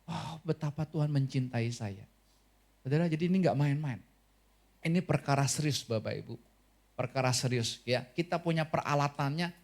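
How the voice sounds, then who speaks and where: A man preaching a sermon as pastor, lively and asking the congregation questions, with an Indonesian accent. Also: on the high side.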